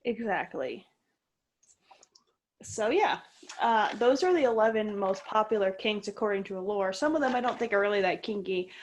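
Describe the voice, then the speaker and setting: A woman's voice: medium pitch, expressive, moderate pace, slight background noise. A woman about thirty co-hosting a podcast, chatting frankly and jokingly with many fillers. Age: 30s. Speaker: podcast co-host. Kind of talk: casual chat.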